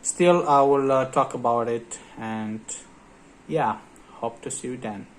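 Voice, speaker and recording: A man's voice: mid-range voice, slow, poor audio. A man hosting a tech channel, talking casually over his screen with many hesitant filler sounds. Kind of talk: casual screen-recorded commentary.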